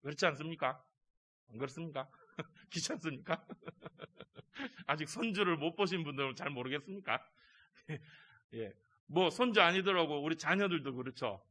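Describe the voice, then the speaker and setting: A pastor delivers an emphatic sermon. He keeps putting rhetorical questions to the congregation. His voice sits high and rings bright.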